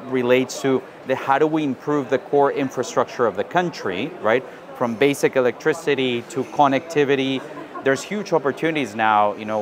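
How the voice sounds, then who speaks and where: A man from South America giving measured interview answers, often adding "you know" and "right?". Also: mid-range voice. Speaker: interviewee, financial inclusion advisor. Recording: outdoor recording with street noise.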